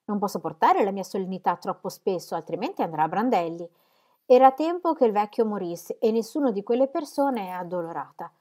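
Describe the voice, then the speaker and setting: A woman reading aloud voices a sharp-tongued society lady who gossips and teases. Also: medium pitch, animated, lightly acted. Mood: mocking. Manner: teasing, mocking, quick remarks.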